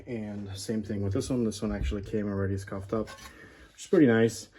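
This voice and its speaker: A man hosting a casual garage how-to vlog, talking in a relaxed, rambling way with lots of ums and uhs. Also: lowish voice, brisk, heavy background noise. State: out of breath at times. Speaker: garage channel host. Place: home garage workshop.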